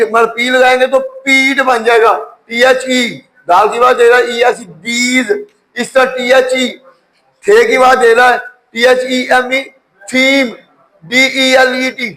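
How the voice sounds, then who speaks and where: A man's voice: extremely high pitch, bright, forceful tone, rough recording. A male English teacher giving a lecture, patiently spelling each word letter by letter before saying it.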